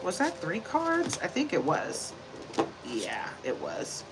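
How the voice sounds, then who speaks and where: Over music and in poor audio, a woman in her forties reads tarot to camera slowly, her lowish voice swooping wildly in pitch. Chatty and preachy with many tag questions, she shuffles and lays out the cards while speaking.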